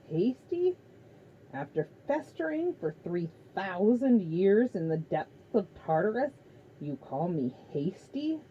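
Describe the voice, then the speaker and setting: A woman's voice: medium pitch, very animated, slow pace. A woman voicing a menacing ancient male Titan lord who commands and hisses threats, in a dull lo-fi recording. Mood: commanding.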